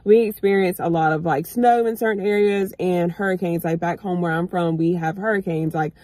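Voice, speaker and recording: Woman, 30s, US vlogger, casual chat, mellow tone, dry car cabin. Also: on the low side, no room sound. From United States. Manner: chatty, addresses viewers as y'all. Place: parked car, indoors. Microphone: phone camera on dashboard.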